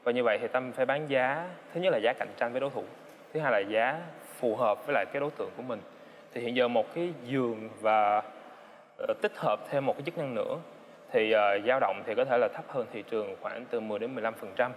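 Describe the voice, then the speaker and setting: A man's voice: medium pitch, big-room sound, slight background noise. A man, a startup founder, earnestly explaining his pricing on a TV show. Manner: quick, earnest business explanation. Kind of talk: pitching his business on TV. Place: TV studio.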